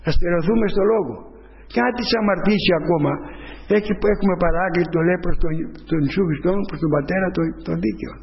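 A man giving a rambling, fervent spoken testimony to a church congregation, full of restarts. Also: high voice. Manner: rambling storytelling with many restarts, preaching fervently. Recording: dull sound with long hall reverb.

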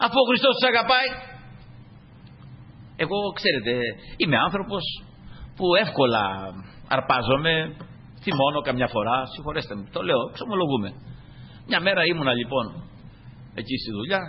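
A man's voice: high-pitched, long reverb tail, dull audio, a little hiss or hum. A man preaching a fervent sermon, often addressing his listeners as brothers.

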